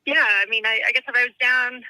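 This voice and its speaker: A bright woman's voice on speakerphone. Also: on the high side, fairly even intonation, quick pace, a little hiss or hum, rough recording. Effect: heard over a speakerphone call. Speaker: caller from a storm area. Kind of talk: live phone-in report.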